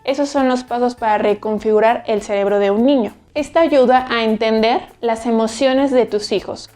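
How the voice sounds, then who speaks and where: A woman psychologist giving an explanatory talk to parents, often checking in with a quick "right?". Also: a little high, darkish tone. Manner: explanatory, asks frequent "¿sí?" checks. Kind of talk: educational talk to camera.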